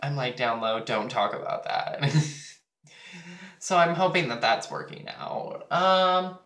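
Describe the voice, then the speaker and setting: A teenage boy talks to his camera in an echoey room while he gets ready. He's candid, crude and rambling, full of fillers. His voice is bright, and he speaks slowly. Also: mid-range voice, expressive. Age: teens. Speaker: vlogger. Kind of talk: casual vlog while getting ready.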